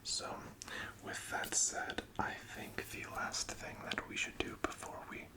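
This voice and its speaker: A whispered role-play in a breathy, unvoiced whisper, as a gentle, attentive shop assistant encouraging a customer. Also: measured pace. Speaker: ASMR performer playing a card shop assistant.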